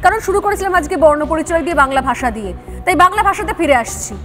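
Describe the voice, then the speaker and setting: A woman anchors a live television panel debate in a very high voice, talking at a quick clip. She is assertive, cutting in and pressing guests with rapid, repeated questions, with faint music underneath. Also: animated, a bit bright.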